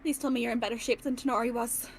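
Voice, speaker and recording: A woman's voice: fairly high pitch, steady tone, rapid-fire, creaky, slight background noise. A woman player in a casual tabletop game, improvising in and out of character.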